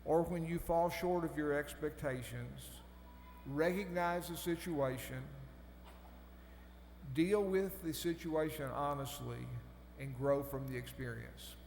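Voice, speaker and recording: A man delivers a formal podium speech in short, deliberate phrases. His voice is a little high for a man and very unhurried. It carries through a reverberant hall. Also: vocal fry, a little mellow. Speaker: commencement speaker. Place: large hall over a PA system. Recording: echoey hall, humming background noise.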